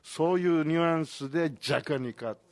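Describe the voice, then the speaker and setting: A man's voice: a little high, brisk, crowd noise. Older man. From Okinawa. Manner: relaxed, folksy, mixes in local dialect. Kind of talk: casual chat.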